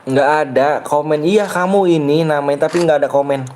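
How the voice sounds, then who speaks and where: A man's voice: a little high, a little fast, darkish tone, slight background noise. A young man, hosting a live game stream in casual chat. He argues with viewers and teases them, often breaking into laughter. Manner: argumentative and teasing, often laughing.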